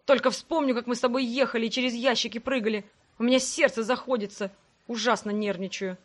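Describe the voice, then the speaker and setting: A woman's voice: on the high side, steady tone, fast, close to an everyday voice. A woman voicing a nervous male friend who frets and grumbles in an audiobook. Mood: anxious. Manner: anxious, grumbling.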